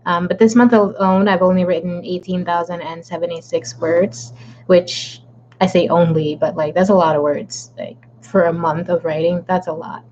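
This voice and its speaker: A woman's voice: lowish voice, fairly even intonation, normal speed, a little mellow. A woman chats at her desk on a home livestream, rambling and playful, drifting in and out of a silly put-on accent. The sound is dull and lo-fi, with a faint hum underneath. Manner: chatty, rambling and playful, with a put-on accent she jokes about. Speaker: author hosting a live writing stream. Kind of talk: casual livestream chat.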